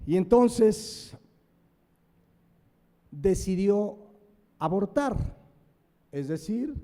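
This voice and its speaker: A man's voice: high-pitched, animated, very slow, dark tone, big-room sound. A man with a Mexican Spanish accent preaching a sermon. He is emphatic and asks questions that he answers himself. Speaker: pastor. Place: church sanctuary.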